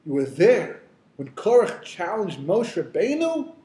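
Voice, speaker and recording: A man's voice: high-pitched, very animated, measured pace, mellow. Brief: a curious, daring follower voiced by a man, eager questions, echoey room.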